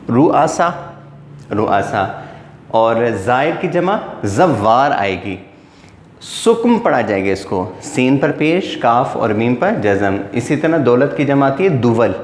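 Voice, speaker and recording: A man teaches an exam-prep grammar lesson at a measured pace, taking word pairs one after another. His voice carries a long, roomy reverb. Faint ambient noise sits behind him. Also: mid-range voice. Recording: echoey room with faint ambience.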